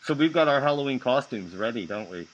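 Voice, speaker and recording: A man's voice: mid-range voice, animated, fast talker, dull audio, a little hiss or hum. A man hosting a casual live stream chat, making wry, skeptical asides. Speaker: show host.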